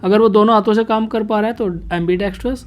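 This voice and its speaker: A woman's voice: mid-range voice, fairly even intonation, normal speed, highs cut off. Lady teacher doing a grammar lesson, asks her own questions, keeps saying theek hai. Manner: asks rhetorical questions and answers them herself; repeats "theek hai" as a check-in. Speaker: English teacher. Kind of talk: exam-prep grammar lesson.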